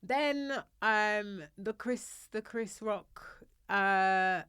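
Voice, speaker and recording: A woman's voice: medium pitch, extremely slow, smooth. A woman, a podcast guest chatting casually and acting out family moments. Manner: animated storyteller, acts out her kids' voices. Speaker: podcast guest, hairstylist and salon owner. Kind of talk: casual chat.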